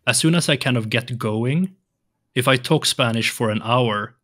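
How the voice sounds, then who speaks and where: A medium-pitched, fairly bright male voice at normal speed comes from a young man from Sweden, a native Swedish speaker, who's a guest on a casual interview podcast in English. He hesitates and restarts a lot, speaking into a large arm-mounted studio mic with headphones in a home room with shelves and colored lights.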